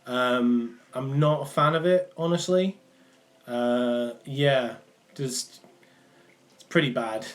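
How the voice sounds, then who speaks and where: Chatting on a live stream from a small room indoors, a young livestream host answers his chat at a slow pace with long pauses, in a mid-range voice. He's from the Manchester area of England, and his partly worn-off Mancunian accent comes and goes amid many ums and restarts.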